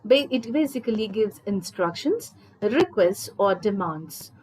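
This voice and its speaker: The audio is poor in this recorded school lesson, where a woman English teacher with a medium-pitched, animated, slightly mellow and breathy voice explains grammar. She goes slowly and patiently, step by step, addressing her students directly.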